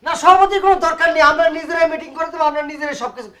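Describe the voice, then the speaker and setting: An actor playing a hot-headed young club secretary who blusters and makes threats. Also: male voice, very high-pitched, very fast, sharp tone. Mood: blustering, angry.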